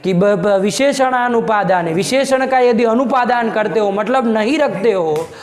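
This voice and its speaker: A man with a high voice is teaching in an echoey classroom. He keeps quizzing his students, makes them say each line back, and scolds whoever lags behind. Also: unhurried. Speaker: Sanskrit logic teacher.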